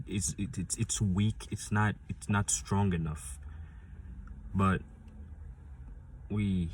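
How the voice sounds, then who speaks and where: Deep-voiced man rambling through his picks. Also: a little hiss or hum. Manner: rambling, frequent restarts and fillers; insistent, repeats points for emphasis. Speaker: football fan channel host. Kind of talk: casual fan prediction vlog.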